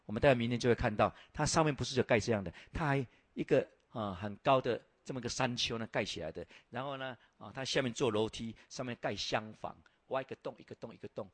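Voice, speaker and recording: A man lecturing over slides about Bible lands, telling lively stories, asking rhetorical questions, and often filling pauses with "ah". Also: mid-range voice, no room sound. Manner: frequent filler "ah".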